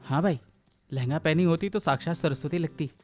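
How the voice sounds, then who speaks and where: An actor playing a cowardly street thug in a dubbed film, talking in whiny, pleading slang. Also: male voice, on the high side, brisk, faint music behind, close to an everyday voice. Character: cowardly male street thug begging not to be hit.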